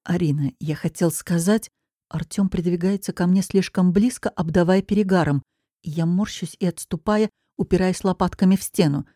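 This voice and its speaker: A woman's voice: fairly low pitch, normal speed, no room sound, clean studio sound. Woman reading a dramatic audiobook. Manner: dramatic, expressive storytelling. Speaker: audiobook narrator. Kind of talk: scripted first-person audiobook narration.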